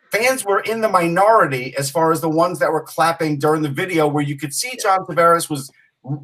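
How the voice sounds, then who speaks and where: A man's voice: fairly high pitch, fairly bright tone, recorded from a distance, rough recording. A man from Long Island co-hosting a casual sports podcast, opinionated and telling stories. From Long Island, New York. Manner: opinionated, storytelling. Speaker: podcast co-host.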